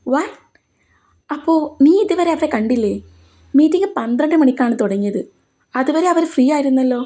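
A woman's voice: high-pitched, lively intonation, moderate pace, warm tone, pitched above the performer's own voice. A woman voicing an anxious, caring middle-aged father in a storybook reading, asking worried questions.

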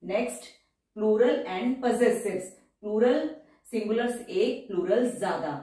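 एक महिला शिक्षिका जो शॉर्टहैंड के उदाहरण शब्दों को धीरे-धीरे दोहराते हुए कदम-दर-कदम समझाती है।. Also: female voice, medium pitch, expressive, mellow, distant mic. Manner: slow, careful repetition of example words. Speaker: shorthand teacher. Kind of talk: step-by-step tutorial. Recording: echoey room, voice off-mic.

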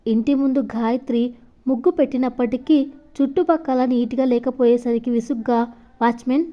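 A woman storyteller reading a scripted story in a steady, even manner. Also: sits high, a little fast, muffled recording.

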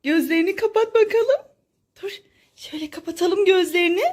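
Very high-voiced woman narrating toy play. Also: fairly quick, darkish tone. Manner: exclamatory and coaxing, talks to kids. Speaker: host of children's toy play videos.

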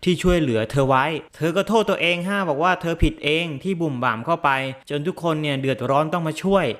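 A man's voice: fairly high pitch, fast talker. Chatty man recapping a movie. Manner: chatty, teasing, slangy asides to viewers. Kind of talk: casual comic movie recap narration.

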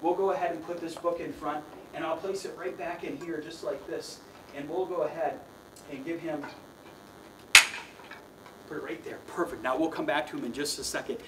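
A man's voice: on the high side, fairly even intonation, moderate pace, long pauses, heavy background noise. Young guy doing a kids magic show, playful showman, kinda far from the mic. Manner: playful, mock-flustered showman addressing kids. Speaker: children's magician. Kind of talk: kids' magic show patter.

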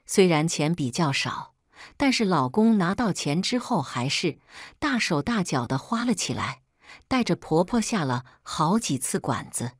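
A woman narrating a first-person story in a steady, cool storytelling manner. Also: on the low side, dry recording, clean studio sound.

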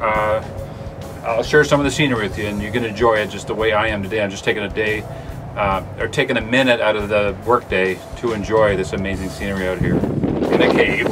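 A middle-aged American man hosting in a casual, chatty, enthusiastic and emphatic way. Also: medium pitch. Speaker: host.

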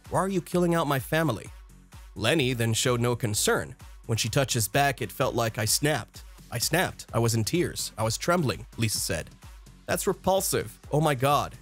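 A man reading a scripted celebrity gossip narration in a steady, even read-aloud delivery. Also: medium pitch. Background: faint background music.

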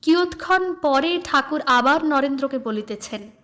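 A woman reading a devotional scripture aloud as an audiobook, in a slow, measured recitation. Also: high-pitched, animated, fairly bright tone. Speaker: audiobook reader.

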